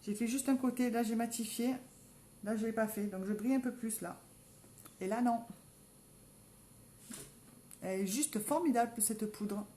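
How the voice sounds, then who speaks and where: Speaking at a moderate pace with frequent pauses, a southern French woman chats informally through a live makeup tutorial, continually addressing her viewers. Her voice sits on the higher side and is mellow, with a little hiss or hum. There's a roomy echo and soft background ambience.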